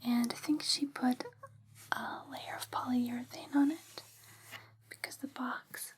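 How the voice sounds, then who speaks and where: A woman hosting ASMR in a breathy, unvoiced whisper, speaking gently in slow, deliberate phrases. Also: sits high, fairly even intonation. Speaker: ASMR host.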